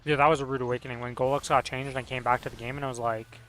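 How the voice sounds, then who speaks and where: A man's voice: medium pitch, level tone, very fast, fairly bright tone, soft background music, low-quality recording. A man in casual, rambling, slangy conversation while gaming as a streamer. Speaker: game streamer.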